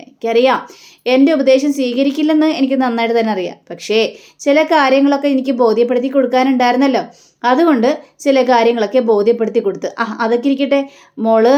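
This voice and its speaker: Woman, higher-pitched voice, serial recap, storytelling, quotes dialogue plainly. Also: a little mellow. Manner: retells dialogue in quotes without changing voice much.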